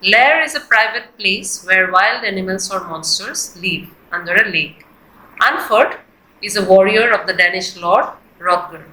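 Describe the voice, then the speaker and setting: A woman giving a scripted, explanatory literature lesson in a deliberate, textbook-like manner. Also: mid-range voice, pushed and bright. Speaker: literature teacher. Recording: echoey, roomy sound.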